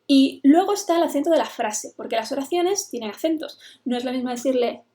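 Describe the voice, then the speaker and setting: A woman's voice: high-pitched, expressive, brisk, warm tone. A woman English teacher, patiently explaining a lesson. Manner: explains patiently, switching between English and Spanish.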